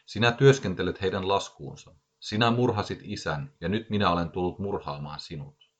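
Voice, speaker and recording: A man voicing a paranoid, furious gunman of about forty who makes threatening, ranting accusations, heard in a dull lo-fi recording. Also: deep voice. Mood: menacing.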